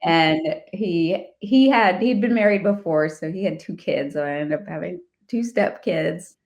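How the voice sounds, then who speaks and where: The voice is a woman's, on the low side and measured, with the high frequencies cut off. A real estate investor from the Washington, D.C. area, she is an interview guest sharing her life story casually, with plenty of laughter and many restarts.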